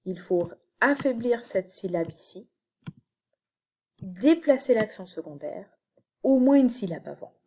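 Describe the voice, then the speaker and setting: Female teacher, recorded video lesson, slow and careful delivery, frequent hesitations. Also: mid-range voice, animated, dark tone, husky. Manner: slow, explanatory, with many fillers and restarts. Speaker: university teacher. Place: home, late evening.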